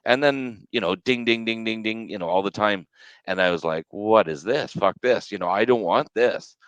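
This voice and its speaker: A man's voice: on the low side, normal speed, a bit bright, clean tone, dry recording, highs cut off. A man in his late thirties, co-hosting a podcast in casual chat, laid-back and agreeable, with some casual swearing. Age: 30s. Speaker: podcast co-host.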